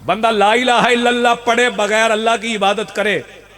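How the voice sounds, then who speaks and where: A man's voice: sits high, level tone, moderate pace, fairly bright tone. A Pakistani man preaching a sermon to a gathering, repeating lines for emphasis and rousing the crowd. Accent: Pakistani Urdu. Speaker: Shia preacher. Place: outdoor religious gathering.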